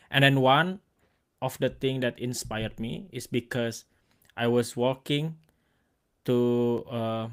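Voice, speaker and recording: A host and photographer with an Indonesian accent speaks in a relaxed conversational interview, his voice at an ordinary middle pitch for a man. His delivery is halting and stop-start, with restarted words and many likes and fillers.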